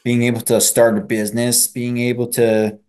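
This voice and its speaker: A man's voice: medium pitch, level tone, normal speed, darkish tone, clean tone. A young man co-hosting a podcast, rambling casually with lots of fillers and swearing. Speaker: podcast co-host. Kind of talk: casual chat.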